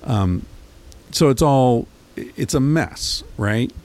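A man's voice: mid-range voice, lively intonation, very slow, darkish tone. A man talking in a rambling, casual monologue, swearing freely and full of fillers and restarts.

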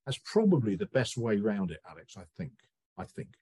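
A middle-aged man speaks as a podcast guest, his voice slightly husky and recorded close and dry. He tells stories with energy, slipping into little quoted voices as he goes. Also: lowish voice, no room sound. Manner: animated storyteller, acts out quick quoted voices. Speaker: guest, coaching researcher. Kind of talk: relaxed interview conversation.

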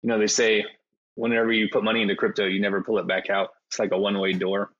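A man's voice: on the low side, completely flat delivery, fast, fairly bright tone, dull audio. A man chatting as a podcast guest in a hesitant, self-deprecating way, full of fillers. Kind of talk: casual interview conversation.

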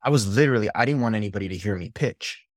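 A man, a podcast guest and sales coach, telling stories from his career in a lively, casual way and swearing now and then. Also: on the low side, rapid-fire, dry recording, clean studio sound. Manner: animated storyteller, swears casually. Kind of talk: casual interview storytelling.

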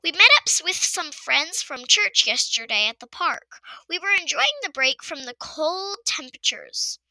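Bright, lively woman giving family news. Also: high-pitched, moderate pace, dry recording, rough recording. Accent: New York. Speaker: podcast host. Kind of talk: casual family update.

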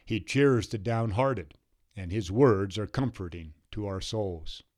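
A man's voice: lowish voice, takes it slowly, darkish tone. A man reading the lines of an earnest male guard who pleads for fairness.

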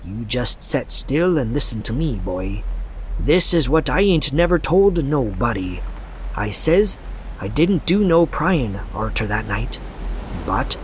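A man's voice: mid-range voice, a little hiss or hum, rough recording. A man voicing a crazed, terrified old harbor drunk in a storybook reading, ranting in a rustic old dialect. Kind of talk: audiobook character voice.

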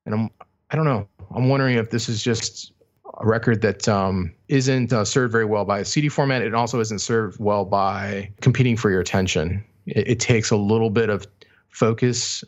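On a slightly lo-fi recording, a middle-aged podcast co-host casually thinks aloud about music, sounding tentative. His voice is on the low side and his pace is moderate.

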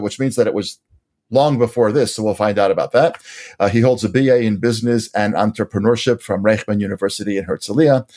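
A male host introduces his guest and poses questions in a measured, courteous manner. His voice sits on the low side. He speaks in an even, explanatory way. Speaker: interview host. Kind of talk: formal introduction and interview questions.

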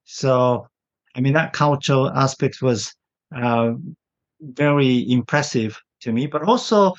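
A Japanese man, a native Japanese speaker, answering interview questions in English with a partly British accent, often pausing to search for words. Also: medium pitch, highs cut off. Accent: Japanese English with British influence. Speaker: guest.

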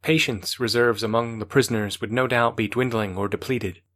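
A man reads an audiobook in a steady, matter-of-fact way. His voice sits at a middling pitch and holds an even, measured delivery. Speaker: audiobook narrator. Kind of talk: scripted narration.

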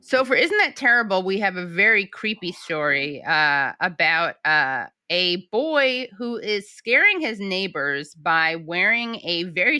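Bright-voiced wry woman podcast host. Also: lowish voice, clean tone, no echo. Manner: wry, dry humor, reads articles aloud. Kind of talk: casual podcast chat, reading news items aloud.

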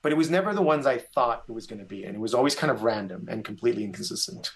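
A man from Mexico recounts a memory in relaxed podcast conversation. His pitch leaps up when he stresses a point, then drops back. He often restarts his phrases, and his voice sits in a middle register. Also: racing. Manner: animated, rising pitch on emphasis, self-correcting restarts. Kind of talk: conversational storytelling.

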